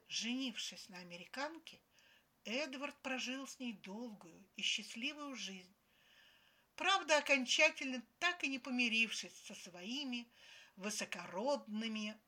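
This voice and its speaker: A woman's voice: fairly high pitch, pushed and bright. A woman expressively reading a first-person story aloud. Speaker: story reader.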